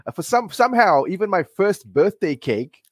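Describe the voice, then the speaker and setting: A man in his forties from Fiji, a comic creator talking as a podcast guest, friendly and halting with many restarts. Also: high voice, big pitch swings, slightly rough, no room sound. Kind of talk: casual interview.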